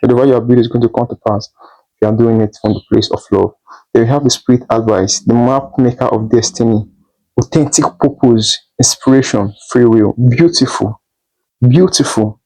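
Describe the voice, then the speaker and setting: A man's voice: medium pitch, fairly even intonation, fairly quick, dark tone, low-quality recording. A man doing a tarot reading, speaking straight to the listener in a repetitive, reassuring way. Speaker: tarot reader.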